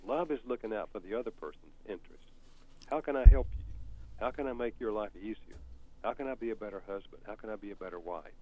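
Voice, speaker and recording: Here the talk show guest, an older North Carolina author and counselor, speaks fast and animated in a lowish voice. He explains things with a Southern US accent and a folksy storyteller's style, and his audio comes through tinny and phone-like.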